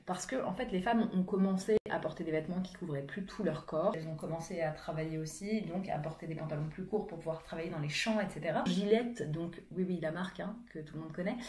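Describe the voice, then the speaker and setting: A young woman talks straight to the camera in a casual vlog, frank and chatty with plenty of fillers. Her voice sits on the low side for a woman. The sound carries a noticeable room echo. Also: a little mellow. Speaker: vlogger. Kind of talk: casual explanatory vlog monologue. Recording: echoey room.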